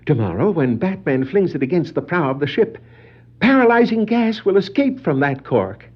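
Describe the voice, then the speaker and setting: The Joker, a high-pitched cackling villain. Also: male voice, very animated, moderate pace, slightly rough. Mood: scheming. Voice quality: high, cackling laughter and whoops. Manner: theatrical, gloating. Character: gleeful, scheming male clown villain, the Joker. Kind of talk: 1960s children's record superhero acting. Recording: dull 1960s vinyl record dramatization.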